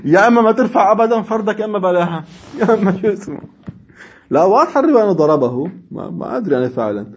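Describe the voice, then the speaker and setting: A man's voice: high voice, sing-song, very fast, husky. A man teaching a seminary class, reading classical texts and explaining them in dialect with chuckling asides. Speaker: religious studies teacher.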